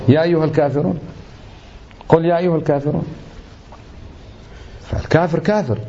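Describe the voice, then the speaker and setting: A man delivers a religious lesson at a quick clip, his tone dark and mellow. He presses his points with indignant rhetorical questions. The recording is slightly dull and lo-fi. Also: medium pitch, breathy edge. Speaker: religious teacher.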